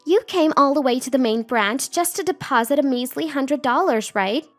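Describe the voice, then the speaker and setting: Snooty young female bank clerk, shrill and sing-song, put on by a woman narrator; mocking, crude laughter. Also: big pitch swings, takes it slowly, a bit bright, soft background music, heavily acted. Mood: smug mocking. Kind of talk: storytelling narration with acted quotes.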